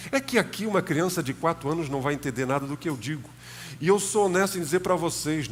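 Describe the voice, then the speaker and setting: Brazilian pastor preaching in church, kinda high voice, chatty direct sermon, faint hum behind. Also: male voice. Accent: Brazilian Portuguese. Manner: conversational, addresses the congregation directly. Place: church sanctuary.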